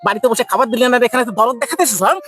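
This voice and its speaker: A woman voicing a stubborn village husband who gruffly refuses food and scolds his wife. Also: on the low side, quick pace, pitched below the performer's own voice, lightly acted. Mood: angry scolding. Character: sulky stubborn village husband, middle-aged man.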